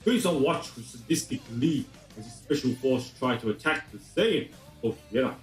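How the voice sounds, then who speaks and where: A man reading a fan fiction story aloud with expressive storytelling. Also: mid-range voice, moderate pace. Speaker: narrator. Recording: roomy distant voice, faint music.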